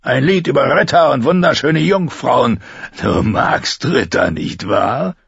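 A man voicing a drunk, scarred, brutal guard who taunts in slow, slurred, drawn-out phrases, in a slightly dull recording. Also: mid-range voice, lively intonation, gravelly, fairly bright tone, breathy edge, dry recording, voice pushed up, exaggerated voice. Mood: mocking.

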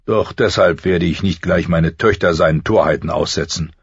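A man's voice: low-pitched, creaky, husky, no echo, heavily acted. Man doing a stern, weary noble lord. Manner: measured, stern and grave. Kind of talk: audiobook character voice. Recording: slightly muffled dry recording.

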